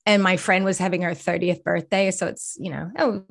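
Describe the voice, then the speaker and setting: A woman's voice: on the low side, steady tone, brisk, vocal fry. A woman from the Boston area with an American accent, a podcast guest telling stories in a chatty way, full of "you know" and easy laughs. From Boston area, United States. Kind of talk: casual storytelling chat.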